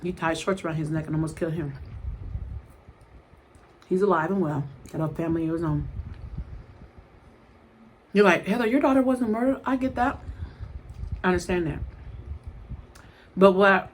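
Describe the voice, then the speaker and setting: A woman's voice: fairly low pitch, moderate pace, long pauses. A middle-aged woman chatting casually and in a rambling way to the camera as a vlogger, blunt and emphatic, often repeating herself. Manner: blunt, emphatic storytelling with repetition. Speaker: mukbang vlogger. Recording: clearly noisy home recording.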